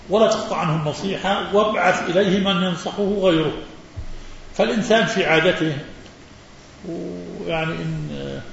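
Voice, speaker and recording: A man giving a religious lesson and answering questions from listeners, his voice sitting a little high. He speaks with emphatic, animated stress, acting out mispronunciations. The recording is muffled and swims in heavy hall echo, with faint background noise. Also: gravelly.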